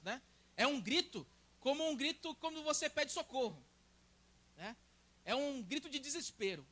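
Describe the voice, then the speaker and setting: High, bright Brazilian man preaching. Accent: Brazilian Portuguese. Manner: conversational, tags sentences with "né?". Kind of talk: sermon.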